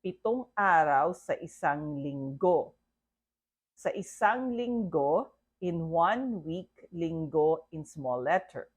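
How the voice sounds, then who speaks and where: Slow, patient woman teaching. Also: low voice, animated, husky. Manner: patient, repeats words and checks in with "okay?". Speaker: language teacher. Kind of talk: slow, deliberate language lesson.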